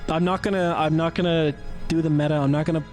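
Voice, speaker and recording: A man's voice: fairly high pitch, flat delivery, fast talker, a little mellow. A man giving casual playthrough commentary as he plays, musing and thinking aloud. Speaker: gamer playing and commenting. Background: game music and sound effects.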